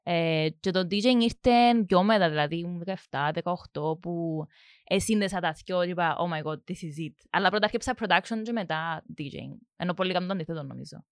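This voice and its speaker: A woman's voice: fairly low pitch, no echo, clean studio sound. A young woman with a Cypriot Greek accent, a music production student answering interview questions casually, hesitating with many fillers and mixing in English words. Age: young adult.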